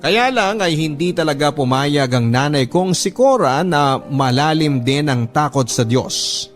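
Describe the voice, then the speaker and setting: A man's voice: a little high, expressive, a little slow, soft background music. A man in scripted narration, recounting a family story in an earnest, polite, confessional tone.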